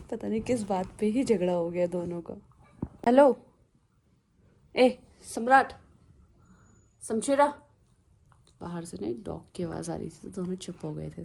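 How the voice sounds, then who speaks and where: A woman's voice: lowish voice, steady tone, fairly quick, gravelly, few pauses, dark tone, slight background noise. A woman narrating her dogs' antics in a casual home vlog, chatty and exasperated, now and then calling out to them. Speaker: dog owner narrating her pets' antics.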